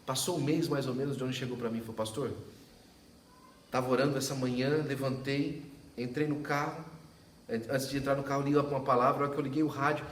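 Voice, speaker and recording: At a church service, a male pastor preaches a sermon built around a story, acting out its dialogue and laughing often. He talks fast in a steady, medium-pitched voice. The recording is echoey and distant, with a slight hiss or hum.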